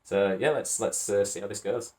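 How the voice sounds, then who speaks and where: Low-voiced Yorkshire man chatting casually. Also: normal speed, warm tone. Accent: Wakefield, Yorkshire. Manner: rambling and chatty, chuckles often. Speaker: reaction video host. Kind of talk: casual reaction commentary.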